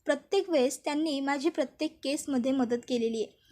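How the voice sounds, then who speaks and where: A woman's voice: sits high, fairly quick, darkish tone, natural voice. A woman voicing an earnest young woman lawyer. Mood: grateful.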